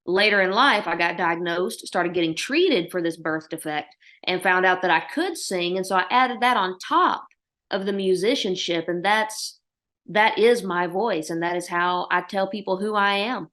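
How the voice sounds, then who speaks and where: This Oklahoma woman in her thirties, a country singer, tells lively, folksy stories while answering an interviewer, speaking in her home-state accent. Her pitch is fairly low and her pace moderate.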